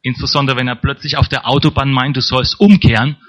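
A man's voice: medium pitch, fairly even intonation, a little fast. A man preaching a sermon in a conversational way, often checking in with the congregation. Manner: conversational, tag questions to congregation.

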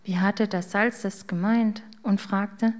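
Calm woman reading a story. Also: mid-range voice, slow. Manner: calm, gentle, even. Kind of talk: reading a children's story aloud.

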